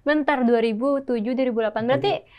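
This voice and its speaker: Woman host asking questions, friendly and encouraging, bit higher voice. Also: fast talker, highs cut off. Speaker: interviewer. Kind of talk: casual interview.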